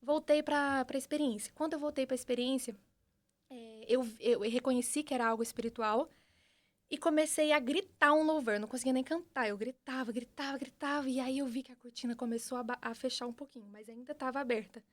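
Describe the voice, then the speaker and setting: High-voiced Brazilian woman telling her story. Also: a little fast. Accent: Brazilian Portuguese. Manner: earnest, animated storytelling with frequent restarts. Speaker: podcast guest. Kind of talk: personal testimony in casual conversation.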